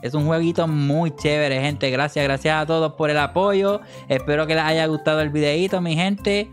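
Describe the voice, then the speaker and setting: A man commentating his own gameplay, excitable, shouting and laughing as he eggs himself on. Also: fairly high pitch, normal speed, faint music behind. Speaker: gaming video host.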